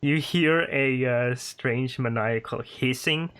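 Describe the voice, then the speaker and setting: A man's voice: mid-range voice, fairly bright tone, clear, resonant tone. A man narrating a tabletop role-playing game as game master, hesitant and full of fillers. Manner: slow and hesitant, many fillers.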